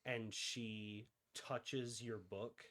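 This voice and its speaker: A man with a fairly low voice running a tabletop game on a livestream. His narration is casual and loose, full of fillers as he describes each scene. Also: fairly even intonation, drawn-out words, fairly bright tone. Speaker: game master.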